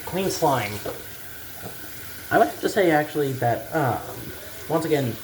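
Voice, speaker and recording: A man's voice: a little high, lively intonation, a little slow. A man giving rambling, unscripted game commentary, thinking aloud in a casual, hesitant and bluntly sweary way. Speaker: gaming video maker. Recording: clear background noise like running water.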